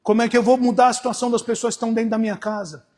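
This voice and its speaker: A male pastor with a Brazilian Portuguese accent preaching a sermon, dropping to hushed storytelling and rising to shouted exhortation. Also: very high voice, fairly even intonation, rapid-fire.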